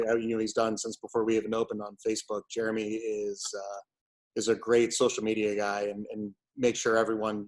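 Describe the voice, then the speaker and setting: A brewery owner with a lowish voice gives a casual interview at his brewery, rambling loosely and conversationally. The recording quality is poor.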